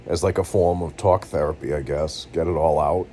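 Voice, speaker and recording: A middle-aged man with a New England accent, venting his feelings in a halting, rambling way, tired and close to tears. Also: rumbling low, fairly even intonation, mellow, a little hiss or hum. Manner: halting, rambling, tearful and earnest. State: weary and in pain, close to tears. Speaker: vlogger. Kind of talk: emotional personal venting. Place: at home, seated.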